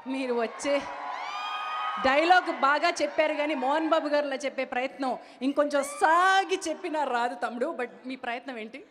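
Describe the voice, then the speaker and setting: A woman anchoring a live launch event on a handheld mic, playful and lively, slipping English phrases into her talk. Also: sits high, moderate pace, crowd noise, noisy background. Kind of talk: live stage hosting. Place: large event hall. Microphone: handheld stage mic. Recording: long reverb of a large hall.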